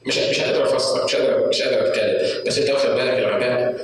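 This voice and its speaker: A man with an Egyptian Arabic accent preaching a sermon in a church hall, emphatic, breaking into high-pitched outbursts and rhetorical questions. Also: steady tone, racing, far from the mic, slight background noise. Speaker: pastor. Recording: echoey hall, voice from afar.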